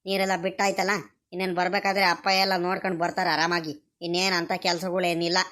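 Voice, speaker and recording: A woman voicing a poor, dutiful young male farm boy in a village cartoon, explaining things softly and pleadingly in a rural Karnataka Kannada accent. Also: fairly low pitch, natural voice. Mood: weary. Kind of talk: animated cartoon voice acting.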